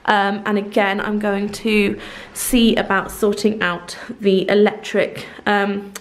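A woman's voice: mid-range voice, little pitch movement, slow pace. A woman in her thirties giving a casual house-tour vlog, chatty and fond, with many ums and likes, filmed on a handheld camera at arm's length in a bare, empty house. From England. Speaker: vlogger.

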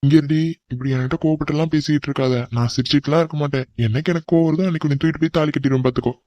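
A man's voice: on the high side, steady tone, rapid-fire, a little mellow, no room sound, highs cut off, natural voice. A man voicing a cocky young man in a cartoon who bossily teases his cousin. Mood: teasing. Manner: bold, bossy teasing. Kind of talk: cartoon voice acting.

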